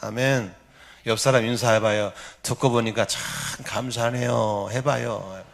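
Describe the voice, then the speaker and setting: A middle-aged male pastor preaching a sermon in a church, emphatic, calling for amens and swinging between loud exclamations and soft asides. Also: mid-range voice, steady tone, measured pace, vocal fry. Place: church sanctuary.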